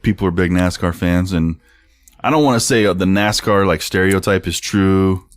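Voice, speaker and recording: A man's voice: deep voice, moderate pace, no echo, clean studio sound, faint music behind. A young man co-hosting a sports podcast in casual chat, blunt and profane, laughing often and reading tweets aloud. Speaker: podcast co-host.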